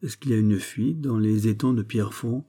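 A man voicing D'Artagnan, a shrewd musketeer, teasing and quick-witted. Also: lowish voice, dark tone, close to an everyday voice. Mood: probing. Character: shrewd ironic male musketeer.

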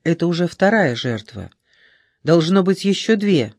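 A man narrating an audiobook in an expressive, unhurried storytelling manner. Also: fairly high pitch, no echo. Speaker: audiobook reader. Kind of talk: scripted narration.

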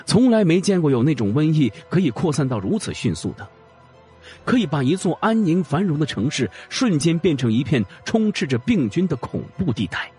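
Expressive male audiobook narrator. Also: on the high side, fairly quick, faint music behind.

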